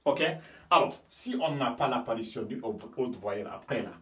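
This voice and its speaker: A man's voice: medium pitch, lively intonation, moderate pace. A man from Guinea teaching English vowels, explaining patiently and often checking with "ok?" and "you understand me?". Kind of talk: bilingual language lesson. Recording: voice from a distance from the mic.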